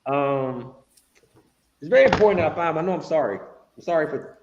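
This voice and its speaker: A man's voice: on the high side, lively intonation, moderate pace, muffled recording, noisy background. Emphatic man chatting on a livestream. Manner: emphatic, repeats phrases, looping restarts. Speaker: livestream host. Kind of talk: casual livestream chat.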